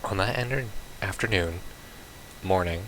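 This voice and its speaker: In a casual let's play, a man reads a visual novel's text aloud, reacting with confused, blunt asides. His voice sits low and moves at a measured pace over heavy background noise.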